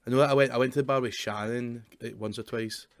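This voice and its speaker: A young man co-hosting a podcast, chatty and quick to laugh, filling talk with "like". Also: medium pitch, steady tone, no echo. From Scotland. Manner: chatty, laughs a lot, uses "like" constantly. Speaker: podcast co-host. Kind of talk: casual chat. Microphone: video call recording.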